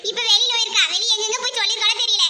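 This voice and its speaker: A woman's voice: extremely high pitch, flat delivery, rapid-fire. A woman with a Tirunelveli Tamil accent, voicing cartoon comedy in a teasing, bickering way. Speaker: voice actor. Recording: loud background noise.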